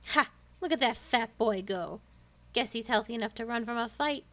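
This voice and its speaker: A woman's voice: on the high side, moderate pace, muffled recording, lightly acted. A woman voicing a small, fierce old grandmother with a vulgar, blunt way of talking. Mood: mocking. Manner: coarse, blunt, snarling threats.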